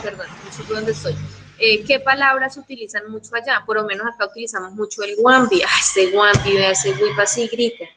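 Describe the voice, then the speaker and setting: A woman's voice: a little high, very noisy. A Colombian woman teaching an online class, chatty, often checking in with her students and acting out regional sayings.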